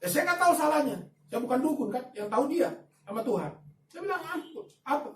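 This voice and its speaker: A man preaching a sermon as a pastor, telling a story with lively swings between soft asides and loud emphatic bursts. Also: very high-pitched, fast talker, a little hiss or hum. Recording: echoey room, voice from a distance, faint ambience.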